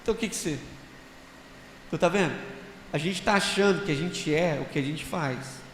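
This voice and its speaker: A man's voice: a little high, moderate pace, a little hiss or hum. Man telling stories in an echoey church hall. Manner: storytelling with rhetorical questions. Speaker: conference panelist sharing reflections. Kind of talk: casual church panel talk. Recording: echoey hall with long reverb, faint ambience.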